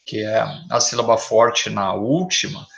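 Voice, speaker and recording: A man teaching a grammar lesson, talking slowly and deliberately and listing examples one word at a time. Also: fairly low pitch, gravelly, fairly bright tone.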